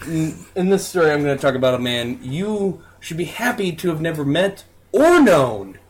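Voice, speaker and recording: A man's voice: fairly high pitch, very animated, normal speed. A man co-hosting a podcast, telling a ranting story in casual chat with some swearing. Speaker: podcast co-host.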